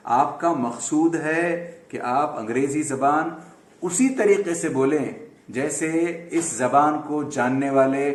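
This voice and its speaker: Guy teaching english letters, slow and patient, stretches sounds out, echoey room, kinda high voice. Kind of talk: explaining lesson to camera.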